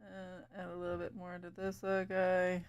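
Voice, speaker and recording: A woman's voice: fairly low pitch, monotone, moderate pace, clean tone, dull audio. A woman streaming live as she paints, chatting casually with viewers, thinking aloud and giggling often.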